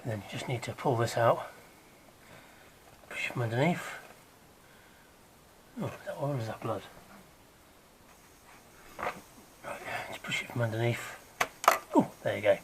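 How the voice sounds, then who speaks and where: Still croaky as he recovers from an illness, a DIY car repair vlogger gives a relaxed, chatty hands-on tutorial, often sinking to a low mutter while his hands are busy. His hoarse voice is mid-range for a man, delivered at a measured pace with long pauses. A faint hum of noise sits underneath.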